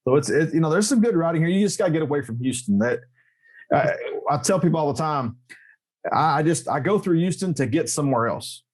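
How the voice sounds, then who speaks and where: A man, a podcast guest chatting casually, joking and telling stories with emphatic rises in pitch. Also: a little fast. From Texas. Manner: animated, joking storyteller with emphatic pitch jumps. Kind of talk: casual interview chat.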